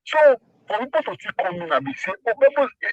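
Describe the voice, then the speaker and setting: A man's voice: high voice, sing-song, fast talker, no echo. Nigerian man on a phone speaker. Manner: emphatic, repeats points, stumbles and restarts. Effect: heard over a phone on speaker. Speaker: caller. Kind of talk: heated call-in commentary. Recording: muffled phone speaker audio.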